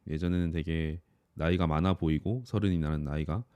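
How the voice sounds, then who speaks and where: Deep-voiced man of thirty, calm reflection. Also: fairly quick, clean tone, dry recording. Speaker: office worker and YouTuber. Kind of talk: reflective personal monologue.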